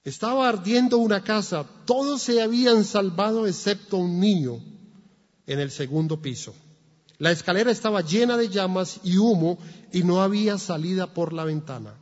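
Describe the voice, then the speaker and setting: A man's voice: high-pitched, moderate pace. A man pastor, preaching a sermon emphatically, with repetition and rhetorical questions. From Colombia. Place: church. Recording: long church reverb, dull sound.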